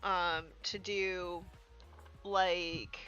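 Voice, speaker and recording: A woman streams herself painting miniatures, chatting casually and rambling with lots of fillers like "like" and "um," her voice congested. She speaks very slowly at a fairly low pitch with little movement, and her tone is fairly bright and clean. The recording is muffled, with music in the background.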